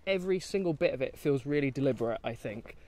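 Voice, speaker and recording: This young British man, co-hosting a film discussion vlog, banters jokily on an outdoor walk through woods and a golf course. His mid-range voice is animated, quick and a little mellow, with no room sound.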